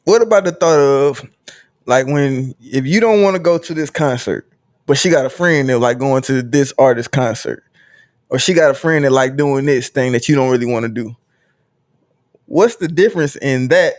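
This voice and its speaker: A man's voice: mid-range voice, normal speed. A man co-hosting a podcast, dropping joking wisecracks in casual chat. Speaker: podcast co-host.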